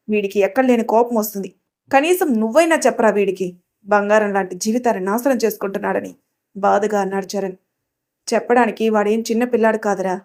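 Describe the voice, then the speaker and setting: A woman with a fairly high, slightly mellow voice tells a family drama audio story, speaking every character's lines herself with small vocal shifts.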